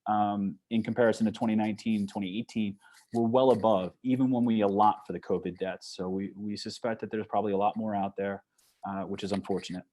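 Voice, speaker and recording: A man with a Long Island accent, from New York, giving a fast-paced online talk as a psychologist, with frequent fillers and restarts. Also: lowish voice, steady tone, mellow. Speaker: guest speaker, psychologist. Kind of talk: online presentation. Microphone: video call.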